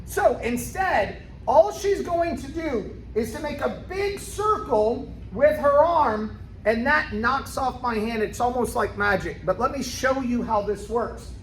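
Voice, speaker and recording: A woman with a fairly high voice leads a children's karate lesson as the instructor. She explains the techniques step by step in an instructional demonstration style. The room is noticeably echoey, with clear noise behind her. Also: expressive, measured pace. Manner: step-by-step explaining, checking with "okay?". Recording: roomy echo, clear background noise.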